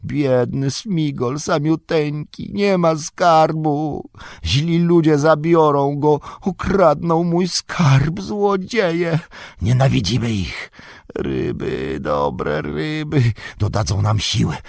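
A man reading an audiobook, voicing a wretched, sly male creature in a high, hissing whisper, drawn out and muttering to himself. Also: animated, slow, creaky, darkish tone, no room sound, studio quality, heavily acted. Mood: greedy muttering. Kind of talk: audiobook character voice.

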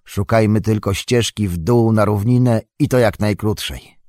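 A man's voice: on the low side, moderate pace, a little mellow, dry recording, studio quality, lightly acted. A man voicing a practical, blunt male dwarf warrior who speaks matter-of-factly.

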